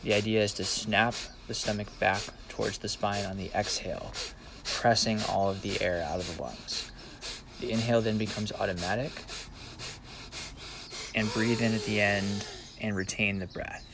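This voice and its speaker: A man giving measured, explanatory instruction in a voice-over about practice and technique. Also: on the low side, steady tone, gravelly, background noise. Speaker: breathwork and ice bath practitioner giving instruction.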